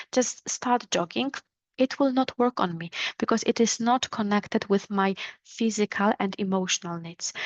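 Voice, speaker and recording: A woman presenting an online webinar over a video call, explaining in a measured way and speaking directly to her listeners. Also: medium pitch, dry recording. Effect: heard over a video call. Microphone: video call microphone. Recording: slightly dull, dry video call audio.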